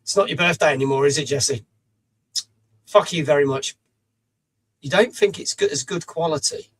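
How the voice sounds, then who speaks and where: With a rough, raised voice that's on the high side and a bit bright, a middle-aged man hosts a live stream from his small home studio at a normal speed. He chats loosely, casually swears and reads out his viewers' messages.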